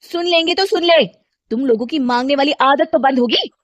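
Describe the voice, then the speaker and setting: A woman's voice: brisk, lo-fi sound, lightly acted. A woman voicing a rude, arrogant young housewife who scolds shrilly. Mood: scolding. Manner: shrill, scolding and sharp-tongued.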